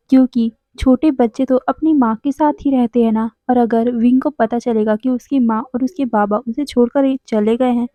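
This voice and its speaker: A woman narrating a story retelling in a chatty, expressive way. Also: sits high, dry recording. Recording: dry, dull lo-fi sound.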